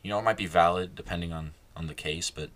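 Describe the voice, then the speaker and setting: Young man, podcast host, low voice, bright tone, rambling casual monologue, self-interrupting. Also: quick pace. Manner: rambling, self-interrupting, laughs at his own slips.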